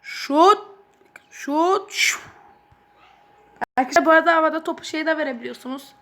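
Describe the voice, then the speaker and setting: Woman, high voice, mobile game commentator; excitable, swears a lot, yells at the game. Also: moderate pace, a little hiss or hum. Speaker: gaming channel host.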